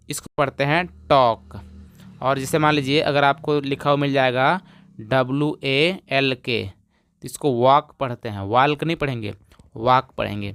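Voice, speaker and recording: Guy teaching english reading, spells letters one by one, repeats words, crisp and dry. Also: mid-range voice, a bit bright, dry recording. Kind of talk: phonics lesson.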